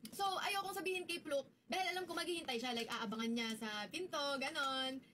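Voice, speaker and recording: A young woman chiming in quickly in casual conversation with a friend. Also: high voice, bright, forceful tone, a little hiss or hum. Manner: quick, interjecting. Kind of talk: casual chat.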